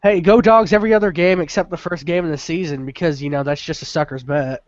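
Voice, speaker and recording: A man's voice: a little high, quick pace, no room sound, lo-fi sound. A man in casual sports chat among friends, blunt and opinionated, swearing freely.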